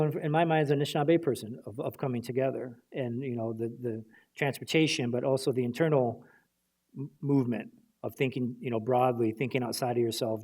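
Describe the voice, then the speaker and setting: A man's voice: mid-range voice, a little mellow. A man telling a story on stage at a library panel, acting out the quotes as he goes.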